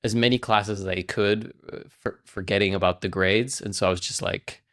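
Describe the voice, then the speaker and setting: Here the Russian game developer in his forties sounds on the low side yet fairly bright, keeping a steady tone at a moderate pace. Guesting on a podcast, he rambles through a casual interview, leaning heavily on "like."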